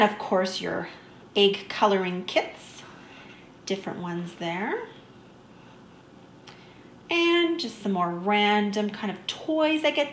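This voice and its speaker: A chatty woman vlogger narrates her shopping finds in an easygoing, upbeat way. Her voice sits at a middle pitch. The sound is roomy and echoey, with a faint hum underneath. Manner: chatty, easygoing, enthusiastic about small finds. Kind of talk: shop-with-me voice-over narration.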